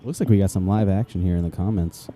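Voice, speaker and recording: A man commentates a live-streamed game in a relaxed, joking way. His voice sits low and sounds very dark and mellow. He chats and quips between calling shots. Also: quick pace. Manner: joking, chatty, calls shots as they happen. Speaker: play-by-play commentator.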